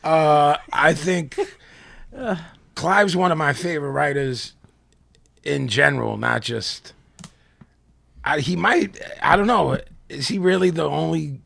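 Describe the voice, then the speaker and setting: A man's voice: on the high side, slow pace, vocal fry, long pauses, fairly bright tone, dry recording. A man with a Philadelphia accent hosting a podcast, chatting in a rambling, laid-back way and laughing often. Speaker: podcast host. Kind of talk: casual chat.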